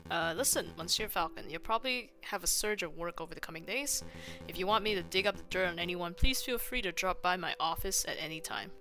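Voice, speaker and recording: A smooth, courteous wolf investigator, put on by a woman reading game dialogue aloud, speaks in calm, measured lines. The tone stays bright and polished, with soft music underneath. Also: lowish voice.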